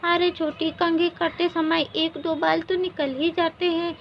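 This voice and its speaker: Woman voicing a sorrowful elder wife, pleading, high voice, dull lo-fi sound. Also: level tone, unhurried, a little hiss or hum. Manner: pleading, tearful. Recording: dull lo-fi recording.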